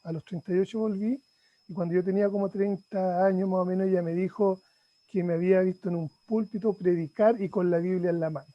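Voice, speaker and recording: A man's voice: high voice, steady tone, a little fast, highs cut off. A middle-aged man sharing about his grief in a class, hesitant and heartfelt, often restarting. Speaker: student in counseling course.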